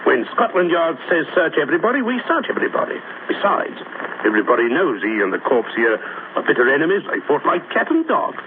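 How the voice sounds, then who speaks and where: A cocksure inspector in an old radio mystery. He is blunt and emphatic, his pitch jumping about widely. The recording is tinny and plainly noisy. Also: very animated, fairly quick. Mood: gruff, confident. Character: blustering, cocksure London police inspector, middle-aged man. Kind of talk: 1940s radio mystery acting.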